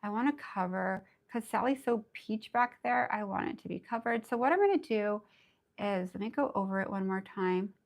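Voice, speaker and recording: A woman with a raspy voice, under the weather, teaching nail art in a bubbly, chatty live tutorial. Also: mid-range voice, lively intonation, normal speed. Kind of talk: casual live tutorial chat.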